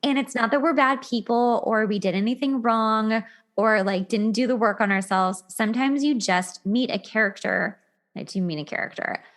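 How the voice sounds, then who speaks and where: This podcast host offers casual relationship advice, her voice on the high side and a bit bright at a moderate pace. Telling anecdotes, she repeats words emphatically and plays out imagined reactions.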